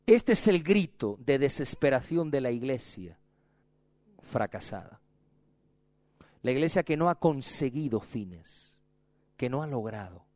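A man's voice: mid-range voice, very animated, measured pace, pauses often, darkish tone, dry recording. A man preaching a sermon with emphatic, repetitive, dramatic delivery.

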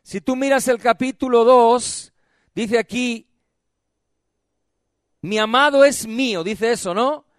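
A man preaching a sermon who asks questions and answers them himself, has the congregation repeat phrases, and drops to soft, low phrases for emphasis. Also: slow pace, long pauses, dry recording, clean studio sound.

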